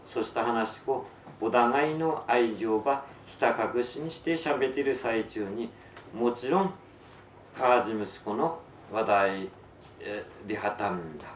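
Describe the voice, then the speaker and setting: A man with a Tsugaru dialect reads his own story aloud in a steady, unhurried storytelling cadence. His voice sits at an ordinary middle pitch and comes from a distance in a roomy space, with a faint ambient hum behind him. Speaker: author reading his own novel. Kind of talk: reading fiction aloud to an audience.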